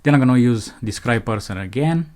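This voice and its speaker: Dictating each line of code as he types, a male programming instructor moves step by step through a screencast tutorial, slow and methodical. His medium-pitched voice is expressive and a bit mellow, with keyboard clicks in the background.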